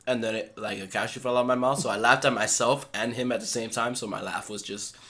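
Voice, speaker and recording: A man's voice: medium pitch, fairly even intonation, fairly quick, bright, forceful tone. A man co-hosting a casual podcast, eagerly leading topics and recapping episodes. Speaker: podcast co-host. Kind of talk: casual chat.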